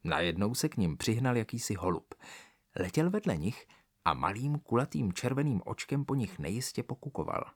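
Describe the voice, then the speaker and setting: A man narrating a children's story aloud with expressive, animated delivery. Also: fairly low pitch, slightly rough, dry recording, clean studio sound.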